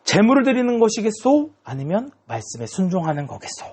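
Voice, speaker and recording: A man's voice: high voice, big pitch swings, fairly quick, a little mellow, husky, pitched above the performer's own voice, full character voice. A man voicing a stern old prophet who questions a king in formal, old-fashioned speech. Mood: stern questioning.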